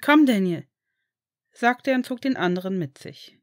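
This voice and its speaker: A woman reading a fan-written story aloud in a steady storytelling narration. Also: medium pitch, a little fast, no echo, clean studio sound. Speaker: fanfiction reader.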